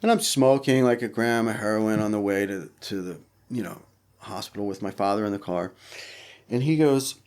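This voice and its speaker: This middle-aged podcast guest has a lowish voice and a moderate pace. Chatting casually in an interview, he spins animated stories, performs the quotes himself, and swears a lot.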